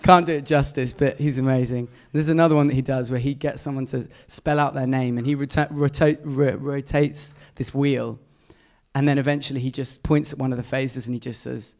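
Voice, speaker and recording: A man's voice: medium pitch, fairly even intonation, fairly quick, a little mellow. A man, an artist giving a casual and enthusiastic slide talk full of fillers. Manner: chatty, enthusiastic, many fillers.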